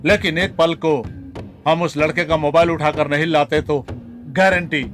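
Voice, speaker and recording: A brash young thug. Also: male voice, fairly high pitch, fairly even intonation, unhurried, fairly bright tone, soft background music. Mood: dismissive. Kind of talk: Hindi film dub.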